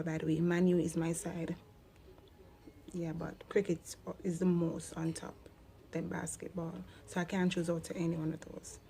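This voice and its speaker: A woman's voice: lowish voice, gravelly, darkish tone, a little hiss or hum. A Jamaican woman in her thirties chatting casually through a Q&A vlog, slipping into patois now and then. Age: 30s. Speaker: vlogger.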